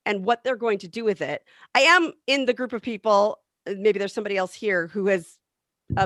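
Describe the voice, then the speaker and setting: A woman who works as a technology coach, talking in a casual panel discussion, animated and thinking aloud with fillers and restarts. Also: mid-range voice, no echo, clean studio sound.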